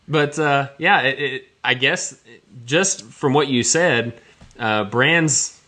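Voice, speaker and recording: Bright-voiced male podcast host. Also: medium pitch, slow. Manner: jokey, laughs often, restarts words. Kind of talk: casual podcast chat.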